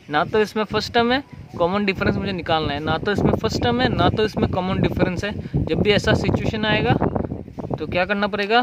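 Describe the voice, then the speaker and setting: High-voiced man teaching math. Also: heavy background noise. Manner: explains step by step, repeats questions and answers them himself. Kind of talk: recorded math lesson.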